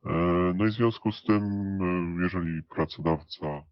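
A man being interviewed, speaking through a voice changer that pitches his voice down to disguise it, and pausing often on hesitant fillers. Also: no echo. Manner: hesitant, with many drawn-out "e" fillers. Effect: voice pitched down electronically to disguise it. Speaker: interview guest. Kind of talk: recorded interview answers. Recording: dull, muffled lo-fi audio.

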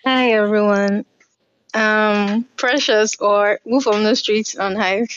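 Woman, friendly and unhurried, mid pitch, lo-fi call with faint noise. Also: fairly even intonation, a bit bright. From Nigeria. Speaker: book club participant. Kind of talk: casual self-introduction.

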